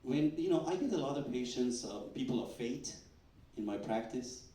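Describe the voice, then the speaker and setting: Animated doctor speaking in an echoey hall. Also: male voice, medium pitch, moderate pace. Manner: animated storyteller, acts out quotes with stammers. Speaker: doctor presenting research. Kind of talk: live talk at a fundraising event. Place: event hall. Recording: echoey hall, distant mic.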